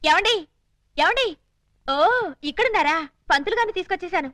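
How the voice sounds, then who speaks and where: A woman's voice: very high-pitched, expressive, brisk, sharp tone, no room sound, studio quality, exaggerated voice. An actress playing a lovestruck young woman who pleads and wails melodramatically in a film comedy. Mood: coaxing. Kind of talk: Telugu film comedy acting.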